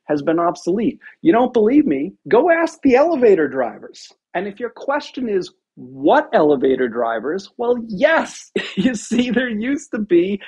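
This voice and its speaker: A husky host's voice swings widely in pitch while spinning casual commentary. The delivery is lively and storytelling, full of restarts and wry asides. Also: moderate pace, few pauses. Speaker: video host.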